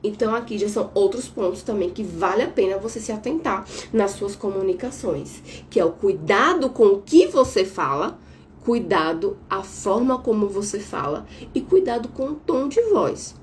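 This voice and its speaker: A woman therapist from Brazil giving a live talk from home, speaking a bit louder on purpose and checking in with listeners. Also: medium pitch, expressive, moderate pace, a little hiss or hum. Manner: speaking a little louder on purpose, didactic, tag questions. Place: at home, window shut, air conditioning on.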